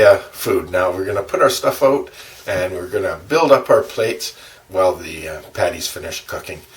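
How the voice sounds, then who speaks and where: A man hosting a low-budget cooking show, talking through each step of a recipe in a relaxed, chatty way while he cooks in his kitchen. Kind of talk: casual cooking demonstration. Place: home kitchen. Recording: distant mic with kitchen noise.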